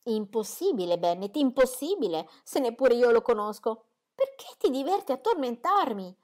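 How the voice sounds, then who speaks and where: A woman reading aloud, voicing a fussy, excitable middle-aged mother who complains about her nerves. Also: on the high side, moderate pace, pitched above the performer's own voice. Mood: fretful. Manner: exclamatory and complaining.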